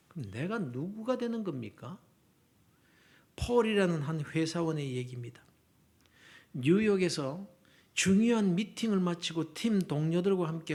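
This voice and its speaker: A male pastor preaching a revival sermon in a church, passionate, swinging from loud declarations down to near-whispers. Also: high-pitched. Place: church sanctuary.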